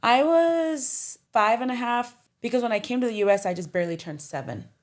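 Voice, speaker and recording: A woman's voice: fairly high pitch, fairly quick. A young woman from Liberia, a podcast guest, telling her childhood story in a casual interview with many fillers.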